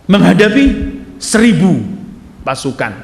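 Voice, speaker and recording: Guy preaching quran commentary, high voice that swoops all over, gets loud, big echoey hall. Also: unhurried, creaky. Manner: animated, rising to loud emphatic recitation. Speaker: Islamic preacher.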